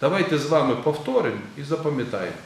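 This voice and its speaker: An Orthodox metropolitan preaches a sermon in a large church, quizzing the congregation conversationally. His fairly high voice swings widely in pitch and comes out rapid-fire, in a very echoey space with faint ambient noise.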